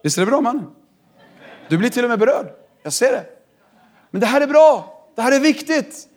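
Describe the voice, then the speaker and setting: High-voiced Swedish pastor preaching. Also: male voice. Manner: animated, swings from quiet to shouting. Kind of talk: lively preaching sermon. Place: large hall with live audience.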